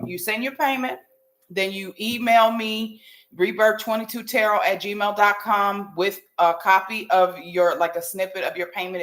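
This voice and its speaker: A woman's voice: medium pitch, a bit bright. An American woman giving a casual psychic hotline style tarot reading on a livestream, informal and slangy, speaking straight to her viewers. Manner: informal, familiar, addressing viewers directly with slang. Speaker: tarot reader hosting a live stream. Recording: roomy echo with light background noise.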